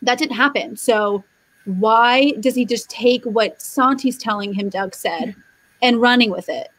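A woman guest chatting casually on a panel, animated, with many fillers and restarts. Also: a little high, a little slow, no room sound, low-quality recording. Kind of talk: casual chat.

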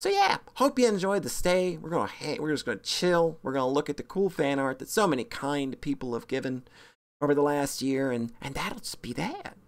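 A woman VTuber chatting casually on a stream, bubbly and self-mocking, rambling with sudden squeaky high bursts. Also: sing-song, a little fast. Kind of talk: casual stream chat reviewing fan art.

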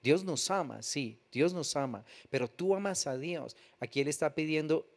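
Pastor preaching earnestly. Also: male voice, on the high side, moderate pace. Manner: reads scripture aloud, then explains it earnestly with rhetorical questions. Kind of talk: sermon. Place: church.

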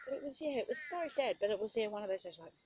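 A woman's voice: medium pitch, lively intonation, very fast, a little mellow, muffled recording, a little hiss or hum. Chatty riding instructor woman. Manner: chatty storytelling, quotes people in voices. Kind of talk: casual chat.

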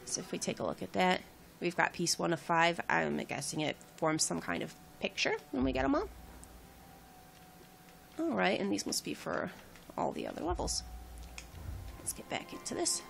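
A woman's voice: lowish voice, lively intonation, moderate pace, gravelly, pauses often, slight background noise. A woman hosting a let's play, giving casual, chatty game commentary with wry asides.

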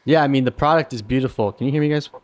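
A man's voice: medium pitch, very fast, a little mellow, no room sound. A young man hosting a podcast interview, upbeat and welcoming. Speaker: podcast host. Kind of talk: casual interview. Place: small studio. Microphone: headset and studio mic.

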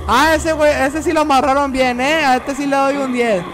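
A young man with a Mexican accent commenting on his gameplay, cracking crude jokes, talking back to game characters and yelling when startled. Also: extremely high pitch, flat delivery, moderate pace, background noise. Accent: Mexican Spanish. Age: young adult. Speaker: streamer.

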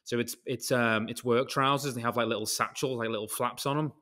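In a casual podcast conversation, a British guest who works as a concrete craftsman spins rambling, tangent-hopping stories and now and then swears. His mid-range voice stays steady and sounds pushed and bright as he talks fairly quickly.

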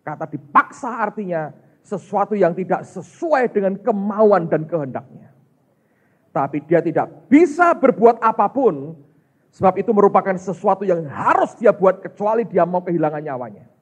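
Animated pastor preaching. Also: male voice, high voice, moderate pace, husky. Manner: lively storytelling, acting out dialogue, addressing congregation as saudara. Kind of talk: sermon. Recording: muffled, slightly lo-fi sound.

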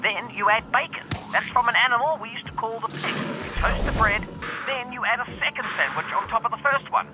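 An actor playing a chatty, wry resistance engineer in a video game, delivering teasing asides and long reminiscing stories with a dry storyteller's delivery. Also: male voice, very high-pitched, fairly quick, over loud music, rough recording. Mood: wistful storytelling. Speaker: game character.

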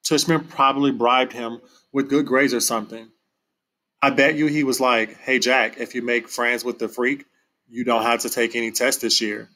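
A man reading aloud and voicing a sullen, hurt ten-year-old boy who answers in low, bitter words. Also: steady tone, moderate pace, sharp tone, close to an everyday voice.

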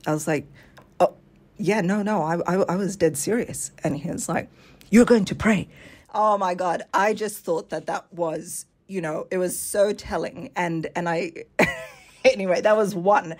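Husky-voiced woman telling an animated story. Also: lowish voice, unhurried. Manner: animated storyteller, acts out quoted voices, laughs often. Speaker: guest. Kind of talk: casual interview conversation.

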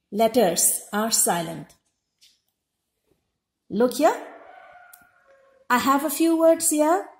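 A woman with a high voice teaches a slow, deliberate classroom lesson in an echoey room. She repeats each example word slowly and then explains it.

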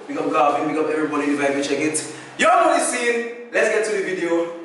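A man's voice: fairly high pitch, fast, distant mic. Saint Lucian man, very echoey room. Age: young adult. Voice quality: slangy, repeats catchphrases. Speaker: host. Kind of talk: casual hype talk to camera. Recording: very echoey room, loud music behind.

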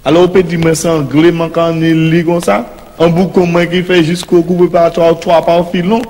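A man's voice: fairly high pitch, little pitch movement, moderate pace, darkish tone, long reverb tail, slight background noise. A man with a Martinican French accent doing a comic sketch as a blustering father, rambling in mangled, pompous French. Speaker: comedian playing a father.

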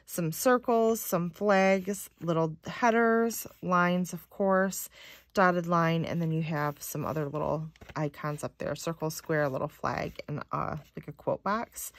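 A woman's voice: on the low side, dry recording. A woman vlogger chatting casually as she unboxes planner stickers, reading each phrase aloud with many likes and ums.

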